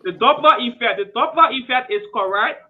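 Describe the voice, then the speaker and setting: A man's voice: very high-pitched, animated, fairly quick. A man from Liberia reading quiz questions and ruling on answers, emphatic and repeating his verdicts. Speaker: quizmaster. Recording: muffled lo-fi with faint noise.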